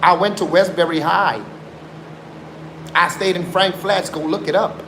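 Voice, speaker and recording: Unhurried, with a high, steady voice, this South African-raised man of about forty chats insistently with his live-stream viewers, swearing to his story and slipping into Afrikaans. Background noise and a roomy sound surround him.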